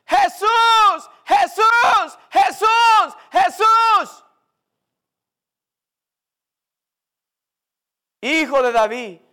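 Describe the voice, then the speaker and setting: A preacher acting out a desperate blind male beggar who shouts and pleads over and over. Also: very high voice, creaky, clear, resonant tone, voice pushed up, exaggerated voice. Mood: desperate pleading. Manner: shouting, pleading, repeating a name.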